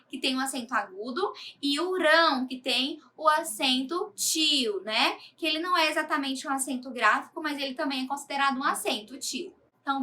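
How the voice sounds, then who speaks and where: A woman's voice: high voice, bright, forceful tone. A Brazilian woman teaching a grammar lesson to children, patiently explaining step by step and often checking in with her students. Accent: Brazilian Portuguese.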